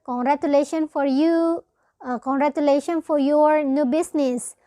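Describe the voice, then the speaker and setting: A woman with an Indonesian accent teaching English in an online lesson, chatting casually and reading example sentences slowly. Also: high-pitched, steady tone, warm tone, no echo. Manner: chatty, switches between casual explanation and slow drilled example sentences. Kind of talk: online lesson explaining grammar.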